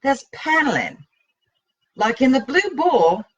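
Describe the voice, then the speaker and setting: A woman voicing a quiet, stubborn boy who talks with a withdrawn intensity in a read-aloud story. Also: sing-song, takes it slowly, slightly rough, distant mic, highs cut off, heavily acted. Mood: intense. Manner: low-key, intense, withdrawn.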